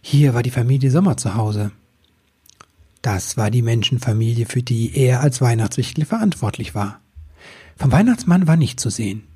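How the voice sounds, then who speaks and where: A man narrating a children's Christmas tale in a calm, expressive storyteller's manner. His middle-pitched voice is strikingly husky and breathy throughout. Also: moderate pace.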